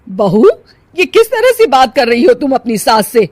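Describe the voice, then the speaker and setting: Woman doing an older bossy cartoon mother-in-law, high pitched, dry recording. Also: big pitch swings, normal speed, darkish tone, dry recording. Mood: scolding. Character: stern older mother-in-law favouring her own son.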